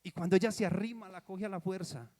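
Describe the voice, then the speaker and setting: A Colombian man preaching a sermon, telling a Bible story in a lively way and dropping into soft asides. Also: high-pitched, fast talker. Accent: Colombian Spanish. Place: church. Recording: church hall reverb. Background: long hall echo.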